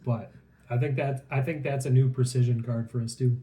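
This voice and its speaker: A man's voice: medium pitch, steady tone, brisk, mellow. A man chatting casually as co-host of a pack opening. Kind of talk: casual chat. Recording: echoey room with faint noise, crinkling packs.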